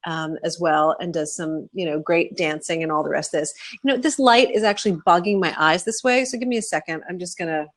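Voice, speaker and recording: A woman's voice: on the low side, a little fast. A middle-aged woman co-hosting a casual live-stream chat over a webcam, bubbly and chatty, laughing often. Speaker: co-host.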